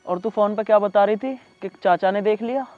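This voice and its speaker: A man as a high-voiced coaxing village lover. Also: brisk, narrow, tinny audio, soft background music, natural voice.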